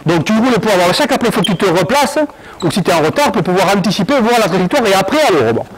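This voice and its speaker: Animated man coaching on court. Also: high-pitched, rapid-fire, rough recording. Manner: animated, commanding, calls out drills. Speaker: basketball coach. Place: indoor gym.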